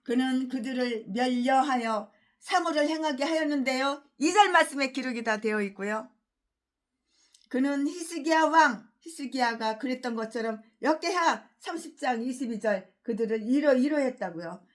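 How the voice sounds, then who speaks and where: A woman pastor preaching an expository sermon in a blunt, colloquial way, jumping from loud emphatic outbursts to low asides. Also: moderate pace. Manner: blunt and colloquial, laughs between points.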